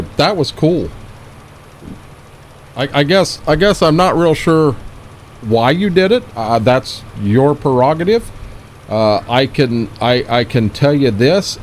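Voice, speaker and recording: A man's voice: mid-range voice, darkish tone, slight background noise. A man casually streaming a farming game, rambling and talking to his chat viewers. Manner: laid-back, rambling, talks to chat viewers.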